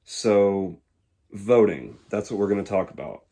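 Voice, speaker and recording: A man in his twenties from Georgia, speaking in a casual, reflective monologue that pauses often to find the words. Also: fairly low pitch, expressive, dark tone, slightly rough. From Georgia, USA. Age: 20s. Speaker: YouTuber.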